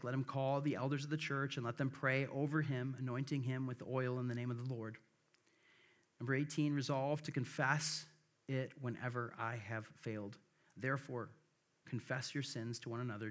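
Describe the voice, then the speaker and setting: A middle-aged pastor from the American Midwest speaks in a mid-range voice, his accent touched slightly by the South. He preaches and earnestly reads scripture aloud, periodically adding a "right?" aimed at the congregation.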